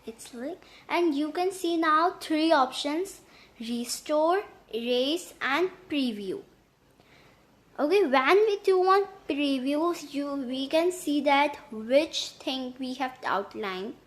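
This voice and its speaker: A woman hosts a step-by-step tutorial in a high voice. She goes slowly, with halting phrasing that often repeats itself as she explains each step. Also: lively intonation. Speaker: tutorial host. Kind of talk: step-by-step app tutorial narration.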